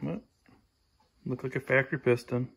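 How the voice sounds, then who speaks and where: A man giving a relaxed, plain-spoken update while filming his own project in a home garage on a handheld phone. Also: mid-range voice, normal speed, creaky, breathy edge. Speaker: tractor restoration vlogger. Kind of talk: casual workshop update. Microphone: handheld phone camera, filming while talking.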